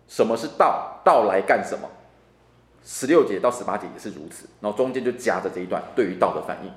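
A man's voice: lowish voice, reverberant. A man teaching a Bible class as a deacon, talking in a chatty way and repeating words for emphasis. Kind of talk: lively classroom Bible lecture. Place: church classroom.

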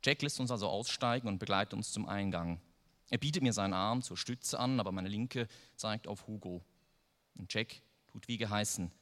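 A man's voice: lowish voice, normal speed, fairly bright tone. A man reading a first-person story aloud in a dry, wry manner. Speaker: narrator. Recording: long reverb.

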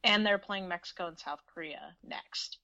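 A woman co-hosting a casual sports podcast, chatty and relaxed, swearing now and then. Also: fairly low pitch, moderate pace, dry recording, lo-fi sound. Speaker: podcast co-host. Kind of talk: casual chat.

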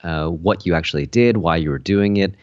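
Deep guy rambling on a podcast, lots of likes and ums, muffled dry sound. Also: a little fast, a little mellow, dry recording. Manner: rambling, many fillers and restarts. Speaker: podcast co-host. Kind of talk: casual chat.

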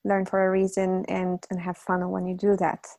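Speaking at normal speed in a monotone, mid-range voice with no room sound, this interview guest is a native Polish speaker in her thirties who teaches languages and works as a psychologist. She considers questions on teaching and learning aloud, pausing with fillers and soft laughs.

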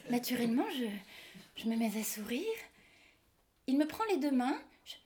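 A woman's voice: high-pitched, expressive, fast, a crowd in the background. A woman with a French accent reading a naive young country maid with a coy, rustic manner.

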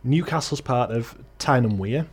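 A man's voice: medium pitch, lively intonation, moderate pace, slightly rough. A man from Middlesbrough with a Teesside accent, co-hosting a casual podcast in a blunt, jokey, mildly sweary way. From Middlesbrough, northeast England. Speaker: podcast co-host.

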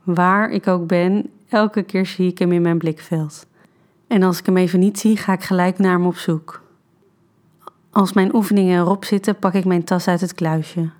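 Woman reading an erotic story out loud, lowish voice, pretty flat, calm. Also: normal speed. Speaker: narrator. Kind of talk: scripted first-person erotic story narration.

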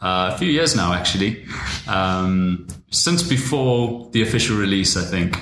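A man hosting a casual podcast interview, relaxed, with frequent ums and laughs. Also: deep voice, unhurried, a little hiss or hum. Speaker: podcast host. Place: poor-sounding room.

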